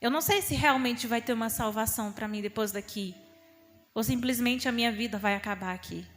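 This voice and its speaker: A woman's voice: a little high, brisk, fairly bright tone. A young woman preaching a fervent, emphatic sermon. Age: young adult. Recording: long reverb in a hall.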